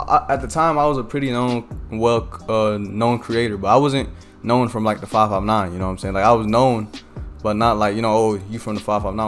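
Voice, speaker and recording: An eighteen-year-old man streaming a game and telling a loose, slangy story full of "you feel me" asides. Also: on the low side. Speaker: streamer and content creator. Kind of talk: casual storytelling while gaming.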